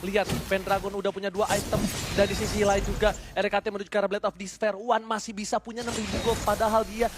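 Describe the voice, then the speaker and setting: A very high-pitched man with an Indonesian accent does hyped game announcer play-by-play. His delivery is theatrical and excitable, built for big dramatic calls. Clear noise sits behind his voice. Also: fast talker. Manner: excitable, theatrical shouted calls with English catchphrases. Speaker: esports shoutcaster.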